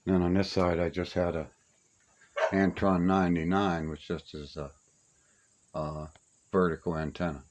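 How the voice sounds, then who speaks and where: Deep-voiced and a bit slow, with long pauses, an older radio hobbyist reminisces in a plainspoken, folksy manner with homespun grammar. His tone stays level as he shows his collection in a small upstairs room stripped to the studs, with a little hiss or hum audible.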